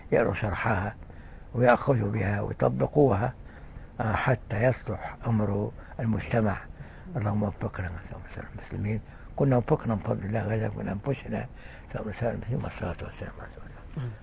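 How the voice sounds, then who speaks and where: An older man with an Egyptian accent giving a conversational religious lesson, often pausing with fillers and restarting words. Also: lowish voice, vocal fry, slight background noise. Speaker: religious scholar. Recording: muffled lo-fi recording.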